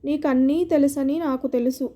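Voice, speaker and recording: A woman voicing a gentle, troubled middle-aged wife who speaks softly and sadly. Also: sits high, fairly even intonation, moderate pace, natural voice. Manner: soft and sorrowful.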